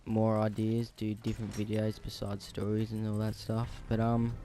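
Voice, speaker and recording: A man's voice: on the low side, completely flat delivery, normal speed, warm tone, slight background noise. A teenage Australian guy telling a story from his own life in a casual vlog, rambling along with lots of ums and restarts. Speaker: storyteller vlogger.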